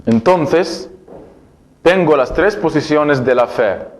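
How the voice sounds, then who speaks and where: A man teaching Arabic letters to Spanish speakers, speaking slowly and patiently and repeating each sound for the learners to copy. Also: on the high side, expressive. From Egypt. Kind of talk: slow board lesson for Spanish speakers.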